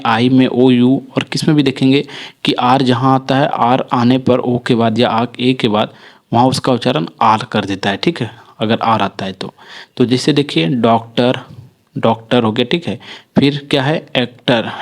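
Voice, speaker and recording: Indian man teaching English pronunciation. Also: medium pitch. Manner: repeats words slowly, asks and answers own questions. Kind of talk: classroom-style video lesson.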